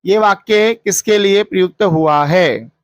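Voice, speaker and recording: A woman's voice: mid-range voice, dry recording. Woman teacher walking through exam answers. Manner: asks and answers her own questions; recites verses in a slow chant. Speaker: Sanskrit teacher. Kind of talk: exam paper walkthrough lesson.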